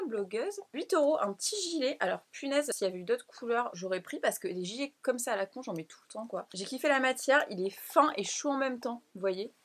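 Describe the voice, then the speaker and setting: Chatty young Frenchwoman showing off a clothing haul. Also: on the high side. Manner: chatty, excitable, laughs often, drops into asides. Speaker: fashion vlogger. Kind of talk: casual haul vlog chat.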